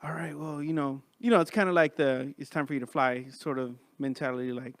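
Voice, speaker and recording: A man's voice: mid-range voice, steady tone, a little fast, no room sound. A man hosting a podcast in a casual, informal chat, talking like he's among his bros. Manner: informal, says man and bro often. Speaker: podcast host.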